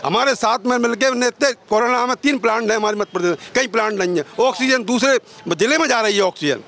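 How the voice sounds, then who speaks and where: A man's voice: very high voice, fast talker, creaky, a bit bright. A male party supporter answering a street interview with eager, rambling praise, outdoors.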